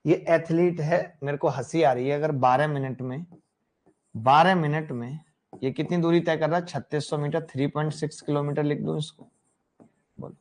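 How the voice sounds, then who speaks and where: A man teaching math in a lively classroom lecture, addressing students directly and playfully. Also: a little high, normal speed.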